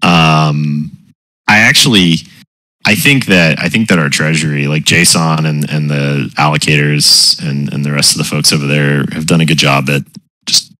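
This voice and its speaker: A man talking through a voice changer that drags his voice down into an extremely low, synthetic register. The tone still comes through bright and forceful, and the sound is close and dry. He hosts a casual community call and explains things loosely, often checking in with "right?". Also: moderate pace, no echo, low-quality recording. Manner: relaxed, explains with frequent "right?" and "you know". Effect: voice changer pitching the voice very deep. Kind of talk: casual chat.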